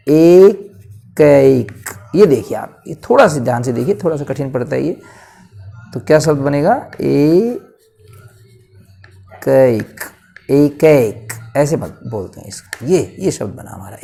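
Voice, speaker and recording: Teaching a grammar lesson at a board, a man with a north Indian Hindi accent speaks in a slightly high, gravelly yet mellow voice. He poses questions and answers them, drawing words out slowly to demonstrate how they're said.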